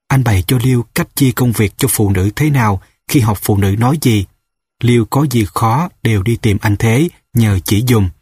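A man narrates a novel with steady, measured storytelling. His voice carries a husky grain. The recording is dry and close, with no room sound. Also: mid-range voice, no echo. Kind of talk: audiobook narration.

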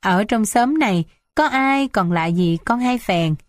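A woman narrating a novel in a steady storytelling voice. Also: mid-range voice, measured pace, no room sound, studio quality. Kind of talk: audiobook narration.

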